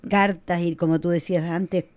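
A woman's voice: lowish voice, fairly even intonation, moderate pace, darkish tone, clear, resonant tone, dry recording. A woman hosting a radio conversation, an attentive interviewer who often agrees and asks questions. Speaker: radio host.

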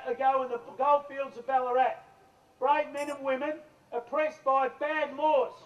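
An Australian man, a union leader, delivering a fiery, impassioned rally speech at a protest, heard as a played-back archive recording. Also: very high voice. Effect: played-back archive recording with a dull, lo-fi sound. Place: outdoor protest. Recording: dull lo-fi archive recording, distant from the mic.

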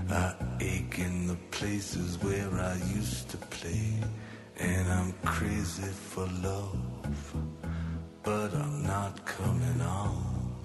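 Very slow, low-voiced man singing over guitar. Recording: music behind the voice.

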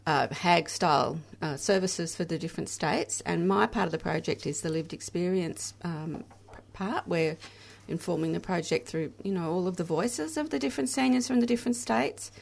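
A woman chatting casually on radio in a halting, self-interrupting way. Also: on the low side, vocal fry. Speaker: radio co-host and project coordinator. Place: crowded radio studio with shared microphones.

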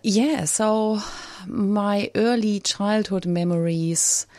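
A German woman, a guest in a radio studio, tells her personal story hesitantly with many fillers and restarts. Her mid-range, slightly mellow voice is extremely slow, recorded on a studio microphone with no room sound.

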